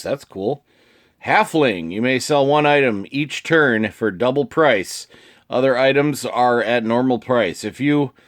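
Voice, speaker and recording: Casual man reading game cards aloud. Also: medium pitch. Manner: reads card text aloud with asides and chuckles. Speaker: channel host reviewing card game cards. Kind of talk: casual card-reading vlog.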